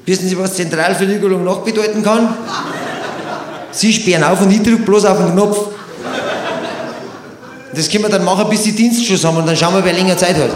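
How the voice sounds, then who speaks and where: A man's voice: high voice, fairly even intonation, brisk, long pauses. A man telling a stand-up story in a cheeky, mock-innocent way. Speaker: comedian. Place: stage before a live audience. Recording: echoey stage, crowd and noise.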